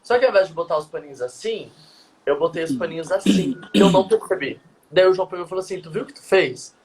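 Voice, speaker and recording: A young man with a notably high voice tells a personal story on a live video call. He is animated and acts out the back-and-forth dialogue as he goes. Faint room ambience sits under his voice. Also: quick pace, slight background noise. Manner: animated, quotes dialogue vividly. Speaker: guest, dance teacher. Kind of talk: casual live-stream storytelling.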